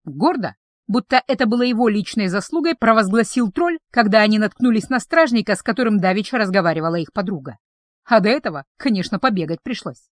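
A woman reading a fantasy story aloud as narrator, in calm, even storytelling. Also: mid-range voice, quick pace, no room sound. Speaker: audiobook narrator. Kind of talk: scripted narration.

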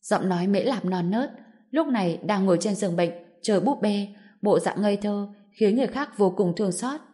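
A woman's voice: mid-range voice, normal speed, mellow. A woman narrating a dramatic story in a scripted audiobook style.

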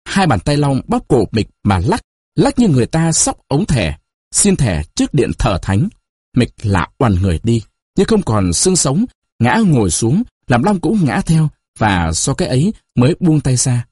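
Husky male storyteller for a novel audiobook; animated, dramatic delivery. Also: medium pitch, moderate pace, no echo, studio quality. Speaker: narrator.

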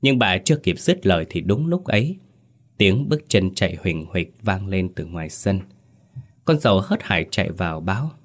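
A man's voice: low voice, animated, normal speed. A man narrating a horror story with dramatic, vivid delivery.

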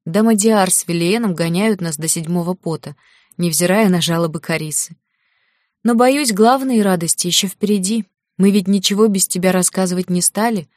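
A woman voicing a loyal young woman friend who talks briskly and firmly. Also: lowish voice, a little mellow, no echo, studio quality, lightly acted.

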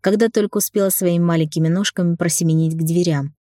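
Low, dark-voiced woman reading a novel. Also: steady tone, fast, no room sound, studio quality. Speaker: audiobook narrator. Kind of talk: first-person audiobook narration.

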